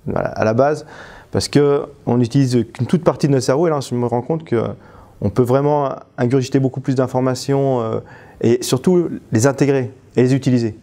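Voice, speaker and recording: In a gravelly, dark voice pitched mid-range, a French-speaking trainer and stress coach offers a spontaneous testimonial at a fairly quick pace with fairly even intonation. His delivery is hesitant, with restarted phrases and sentences that trail off into filler words.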